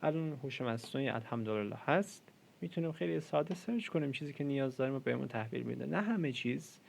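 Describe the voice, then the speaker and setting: Gravelly guy in his 20s doing a chill coding tutorial, chatty, jokes at himself. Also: mid-range voice, animated, a little hiss or hum. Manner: chatty and self-deprecating, with frequent fillers and chuckles. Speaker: programming tutor. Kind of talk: casual screen-recorded coding lesson.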